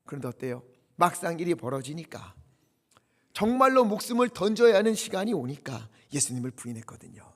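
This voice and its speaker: A male pastor preaching a dramatic sermon, swinging between loud urgent appeals and hushed near-whispers. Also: a little high, very animated, a little fast. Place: church sanctuary. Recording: long church hall reverb.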